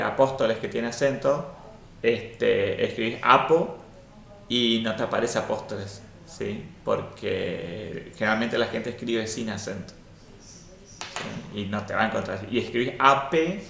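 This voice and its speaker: A man's voice: on the low side, vocal fry, a bit bright, reverberant. A man teaching a programming class live and explaining step by step, often checking in with "¿sí?".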